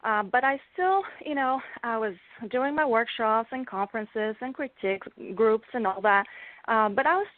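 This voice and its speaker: Over a dry, tinny, phone-like line, a Bulgarian woman and native Bulgarian speaker talks as a guest author in a casual interview. She laughs frequently and fills gaps with ums, her high-leaning voice animated at a normal speed.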